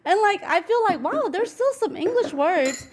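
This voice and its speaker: Cooking as she talks, this home cook from Nashville, a woman in her 40s, reflects casually in an interview full of stories. She speaks at a moderate pace in a very high, sing-song voice. The kitchen field recording is noisy and clicky.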